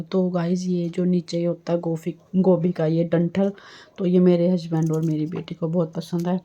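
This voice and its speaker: A woman's voice: lowish voice, warm tone, lo-fi sound, slight background noise. Chatty middle-aged woman vlogger at home. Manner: chatty, rambling, talks to camera while doing chores. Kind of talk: casual home vlog chat.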